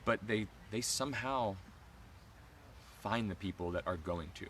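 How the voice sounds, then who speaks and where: A man co-hosting a vlog, chatting excitedly and rambling in a casual recap. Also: on the low side, a little slow, slight background noise. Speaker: vlog co-host. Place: outdoor campground.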